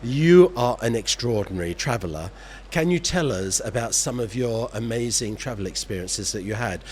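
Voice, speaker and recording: A male host asks his questions in a friendly, upbeat way, and his pitch rises and falls a lot. A faint festival murmur sits behind him. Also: animated, normal speed, darkish tone, slight background noise. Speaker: interview host. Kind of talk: interview questions. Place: busy travel festival.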